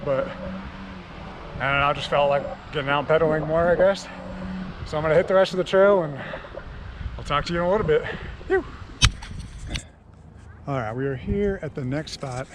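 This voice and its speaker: A man's voice: a little high, noisy background. Laid-back man talking on a bike trail. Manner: laid-back, lots of ums and you-knows. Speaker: mountain bike vlogger. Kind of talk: casual trailside vlog talk. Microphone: action camera worn while riding.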